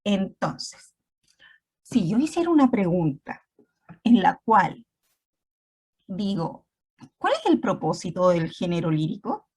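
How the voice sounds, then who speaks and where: A woman's voice: medium pitch, very animated, takes it slowly, pauses often, a little mellow, slightly rough. A woman teacher giving an online class, explaining step by step and often checking in with her students.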